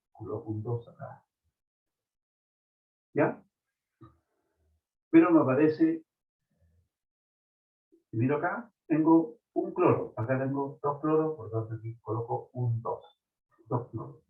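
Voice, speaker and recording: A man's voice: medium pitch, slightly rough. A man teaching a chemistry class online, explaining step by step and checking in with his students. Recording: tinny phone-like line.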